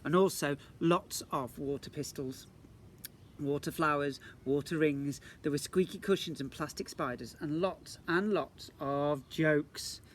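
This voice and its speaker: A man whose voice is a little high speaks a little slowly as he reads a storybook to young children. He's a teacher, outdoors in a garden, and he playfully adds asides and questions. The recording picks up faint outdoor background noise.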